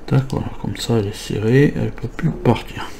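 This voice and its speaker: A man's voice: medium pitch, a little fast, creaky, background noise. A man with a cold, thinking aloud as he walks through assembling a scale model kit. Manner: thinking aloud while working, many fillers. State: has a cold. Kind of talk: hands-on assembly tutorial.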